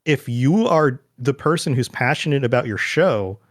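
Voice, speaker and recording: A man talking as a guest on a podcast in an easygoing, conversational way. He rambles a little, fills pauses with "like" and "you know," and acts out little quoted remarks as he goes. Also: medium pitch. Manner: relaxed and chatty, with many fillers and quoted asides. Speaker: guest, podcast network founder. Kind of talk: casual interview chat.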